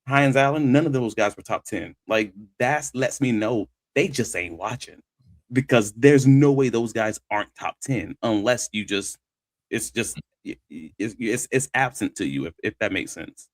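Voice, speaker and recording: A sports talk show host speaks in a mid-range voice at a moderate pace, with no echo. He offers conversational analysis, leaning hard on his key points as he argues them.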